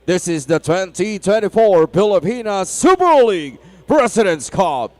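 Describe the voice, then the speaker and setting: A man with a Filipino accent announcing player introductions at an indoor basketball arena, stretching out the names in a booming call. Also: very animated, dry recording. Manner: drawn-out booming name calls. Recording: arena PA with loud music. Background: loud music.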